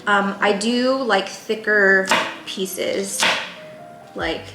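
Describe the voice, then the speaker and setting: Speaking very slowly in a steady, mid-range voice, a young San Jose, California woman hosts a casual, chatty cooking tutorial from her home kitchen, rambling with lots of fillers. Heavy background noise comes through the echoey room: cooking clatter from pots, dishes and knife clicks.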